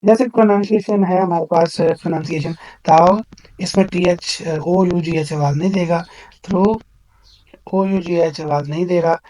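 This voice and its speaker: A man's voice: high voice, fairly even intonation, warm tone, low-quality recording. Pakistani male teacher, patient lesson delivery. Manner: reads English phrases slowly and drawn out, with frequent "uh" pauses. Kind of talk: recorded classroom lesson explaining exercises.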